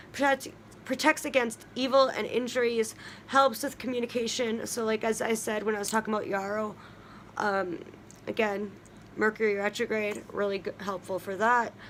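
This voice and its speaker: Bright-voiced woman chatting through a list. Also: on the high side, a little hiss or hum. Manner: chatty, many ums and restarts, reads off a list. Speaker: witchcraft video host. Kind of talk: casual how-to talk.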